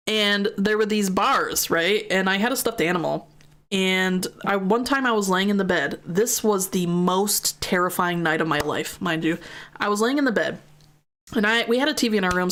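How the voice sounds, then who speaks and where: A woman's voice: medium pitch, normal speed, fairly bright tone. Chatty young woman telling a ghost story. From American. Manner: chatty, many fillers and swearing. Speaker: gaming streamer. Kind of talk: casual storytelling while streaming.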